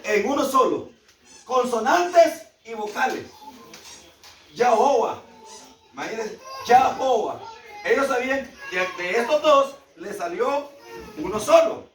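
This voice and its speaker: A man's voice: very high voice, lively intonation, slow pace, pauses often, a little hiss or hum. A man with a Salvadoran Spanish accent teaching a Bible lesson to a class, repeating key words emphatically and asking the class questions. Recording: echoey room, speaker far from mic.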